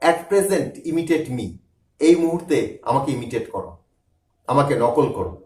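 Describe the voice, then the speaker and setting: A man teaching spoken English, drawing out each English phrase in slow, clearly separated words before rattling off a quick restatement. His voice swoops up and down with animated pitch. He sounds set back from the mic in an echoey room. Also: distant mic. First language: Bengali. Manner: slow, deliberate English, then fast Bengali restatements. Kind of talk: bilingual spoken English lesson.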